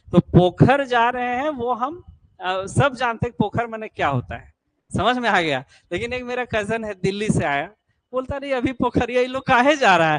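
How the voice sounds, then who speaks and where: A man leads an exam-prep lesson in a fairly high voice. He keeps asking whether students understand and slips into homely village stories. The sound is close and dry, with no room echo. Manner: keeps checking students understand, tells folksy anecdotes. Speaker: teacher. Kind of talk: classroom lecture.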